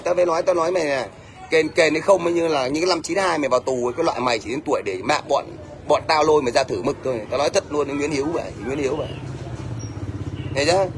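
Middle-aged northern vietnamese guy ranting on a livestream, scolding and blunt, slightly high voice, some faint noise. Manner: blunt, scolding, repeats "thấy chưa?".

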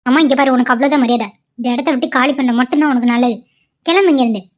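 A woman's voice: high-pitched, very fast, lightly acted. A woman voicing a stubborn, devoted young wife in a cartoon, pleading and insistent. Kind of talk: cartoon voice acting.

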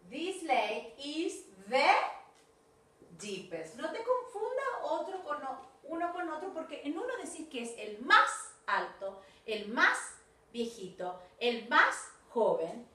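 High, lively woman teaching English. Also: slow, very echoey, recorded from a distance. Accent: Argentine Spanish. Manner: coaxing, repeats and prompts the student. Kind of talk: online English lesson in Spanish.

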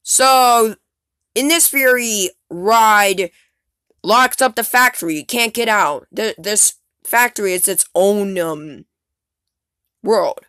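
A woman hosting a gaming channel, talking casually through her theories in a rambling, excitable way, full of "like" and "um", recorded on a phone screen recorder. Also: medium pitch, slow, clean tone, dry recording, clean studio sound. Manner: rambling, filler-heavy, excitable, trails off. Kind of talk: casual theory talk over gameplay.

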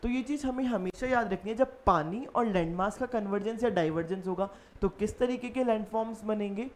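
A woman's voice: mid-range voice, a little fast, a little mellow. A woman giving an online geography lecture as a teacher, walking through slides and asking questions she then answers herself. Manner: explanatory, asks questions then answers them.

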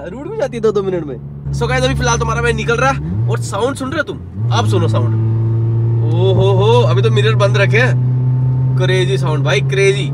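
High-voiced man vlogging from a car. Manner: coaxing and teasing, turning exasperated. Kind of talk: casual vlog chat while driving. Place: inside a car. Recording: faint outdoor traffic noise. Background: car and street sounds.

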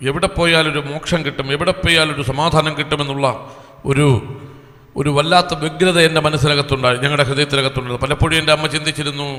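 Bright-voiced man testifying in a hall. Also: on the high side, fairly even intonation. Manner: earnest storytelling with long pauses. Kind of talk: personal testimony at a church service. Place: small church hall. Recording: echoey hall reverb.

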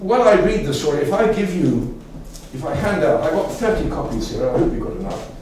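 A man's voice: a little high, big pitch swings, brisk, darkish tone. An older man giving an informal talk to a local society, rambling and chatty, with many fillers and restarts. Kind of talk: informal lecture. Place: meeting room with an audience. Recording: echoey room, mic far off, faint room noise.

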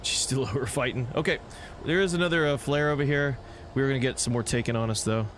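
Game music and action noises sit behind a man with a medium-pitched, fairly bright voice who talks fast, with slight background noise. As a gameplay host, he chats casually through his let's play and aims playful remarks at the characters.

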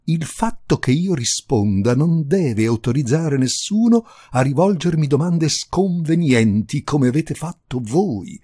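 Un uomo che dà voce a una nobildonna altezzosa e indignata, in tono acuto ed enfatico, con voce un po' roca. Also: male voice, very animated, measured pace, hardly any pauses, dark tone, husky, no echo, studio quality, full character voice. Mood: furiosa. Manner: shrill, offended, emphatic. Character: haughty indignant noblewoman columnist, proud.

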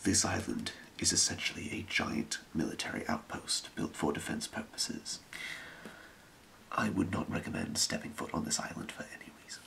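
Man whispering as a low, gravelly thieves' guild boss. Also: very animated, bright, forceful tone, a little hiss or hum, exaggerated voice. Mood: hushed, calculating. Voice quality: breathy whisper with gravelly creak. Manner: measured, deliberate, secretive. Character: scheming male thieves' guild boss briefing a recruit. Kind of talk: whispered role-play.

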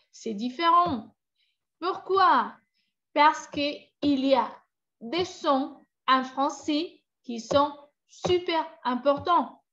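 High-voiced woman teaching French online. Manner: lively, switches between Spanish and French, repeats sounds slowly. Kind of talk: online class, explaining in Spanish and French. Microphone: video call. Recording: muffled lo-fi video call audio.

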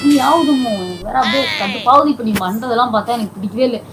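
A woman's voice: fairly high pitch, fast talker, very noisy. A woman who keeps pleading and scolding in a comedy sketch at home. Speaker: comedy video creator.

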